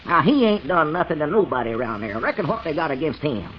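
An actor playing an excitable, kindly old country man with a rural Southern accent in a 1940s radio comedy. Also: a little high, fast. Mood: kindly concern. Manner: rustic, exclamatory, folksy. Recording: dull, hissy 1940s radio recording.

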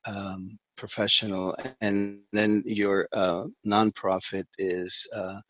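A middle-aged man raised in the Dominican Republic, a therapist talking as a guest in a conversational interview, halting with many fillers and restarts. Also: on the low side, little pitch movement, fairly bright tone, no echo.

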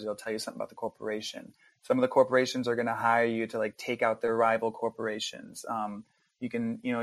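A man's voice: medium pitch, dry recording. A man chatting casually as a guest game developer on a podcast, rambling with plenty of fillers. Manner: relaxed, rambling, lots of fillers.

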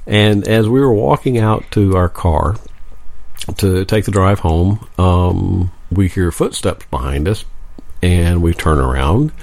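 Low gravelly man telling a joking story. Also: slow pace, darkish tone, no echo. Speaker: podcast co-host. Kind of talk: casual storytelling chat. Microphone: podcast microphone.

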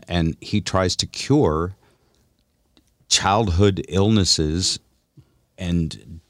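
An older man with a low voice hosts a radio show, bantering and telling stories casually in a wry, conversational way. The recording is dry and studio quality.

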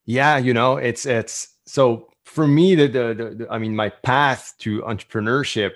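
A man with a Quebec French accent, whose first language is French, speaks casually as a guest. His voice sits at a middle pitch and he restarts phrases informally as he goes. The sound is dry, with no room echo. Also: fairly even intonation, unhurried. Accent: French Canadian (Quebec French). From French-speaking Canada. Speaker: interview guest, entrepreneur. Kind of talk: casual interview talk.

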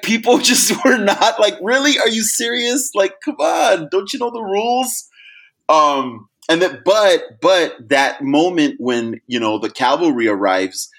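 A young man co-hosting a podcast in casual chat, animated and jumping into high, loud voices when he mimics other people. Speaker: podcast co-host.

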